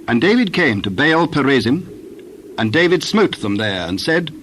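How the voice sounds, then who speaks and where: A man narrating scripture from a script in a measured, formal manner. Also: mid-range voice, big pitch swings, a bit bright, slight background noise.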